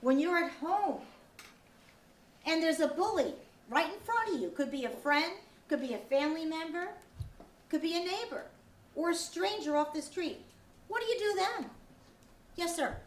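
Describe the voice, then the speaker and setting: A woman's voice: very high-pitched, expressive, moderate pace, pauses often. A woman teacher giving an earnest, upbeat school lecture to children, asking questions and repeating their answers. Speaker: teacher leading a school lesson. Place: echoey school room. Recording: roomy, distant mic, faint background noise.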